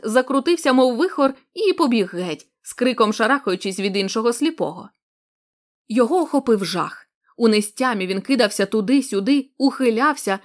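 Brief: woman narrator, fairly high voice, measured expressive reading of a classic tale. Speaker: audiobook narrator. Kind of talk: scripted literary narration.

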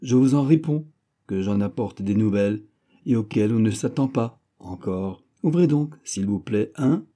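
A man's voice: on the low side, animated, normal speed, warm tone. Man doing brash swaggering musketeer d'Artagnan. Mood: insistent. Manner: brash, swearing, impatient. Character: bold boastful Gascon musketeer, middle-aged man.

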